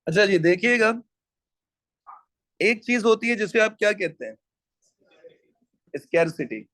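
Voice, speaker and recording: Guy teaching economics, jokey and chatty, kinda high voice, dry close sound. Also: moderate pace, sharp tone, dry recording. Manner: joking, conversational, drills pronunciation. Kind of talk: casual classroom lecture.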